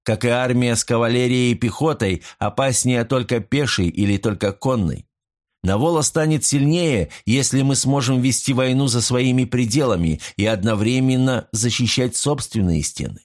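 A man's voice: mid-range voice, normal speed, a little mellow, voice pushed up, close to an everyday voice. A man voicing a calculating patriarch. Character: father, ruling male patriarch, calculating.

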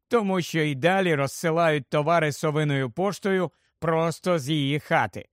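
A man voicing a calm young adult wizard, giving a plain, reassuring report. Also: fairly high pitch, no room sound, studio quality, natural voice.

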